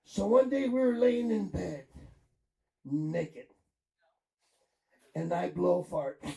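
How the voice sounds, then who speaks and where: A man's voice: high-pitched, lively intonation, slow pace, gravelly, dark tone. A middle-aged man from Chicago doing crude, rambling stand-up comedy with crowd work on a club stage. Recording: echoey club room, mic at a distance.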